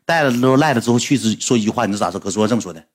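A man, telling a story to his livestream audience in a blunt, animated way and swearing freely. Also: medium pitch, very fast. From Northeast China.

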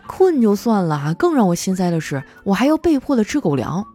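Chatty woman telling office stories, mellow voice, bouncy pitch, faint music behind. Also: very animated, fairly quick. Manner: chatty, playful, acts out quoted coworkers. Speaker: host. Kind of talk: comic storytelling monologue.

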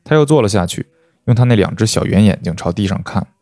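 Brief: male audiobook reader, low dark voice, dry close sound, faint music. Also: lively intonation, quick pace, no room sound. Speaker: host and reader. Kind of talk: literary reading aloud.

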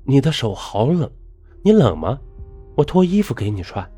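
A man's voice: medium pitch, sing-song, normal speed, warm tone, husky. A man voicing a grieving widowed village mother in a folk ghost story, pleading in a raised, tearful voice. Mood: worried, gentle.

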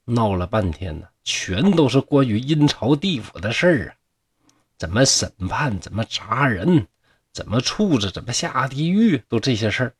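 Husky Northeastern Mandarin storyteller. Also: male voice, mid-range voice, sing-song, normal speed, no echo, clean studio sound. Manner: chatty, rhetorical asides. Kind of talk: humorous folk-tale narration.

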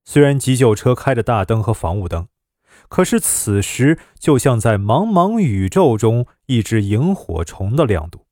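Expressive male storyteller, dry sound. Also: medium pitch, no room sound. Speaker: narrator. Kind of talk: story narration.

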